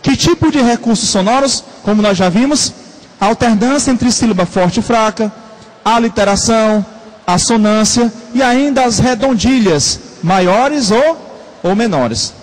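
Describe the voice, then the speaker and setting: Male teacher, very high voice, lecture style, repeats terms slowly, echoing room. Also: animated. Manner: repeats terms slowly for note-taking, asks the class questions. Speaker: Portuguese teacher. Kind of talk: classroom lecture.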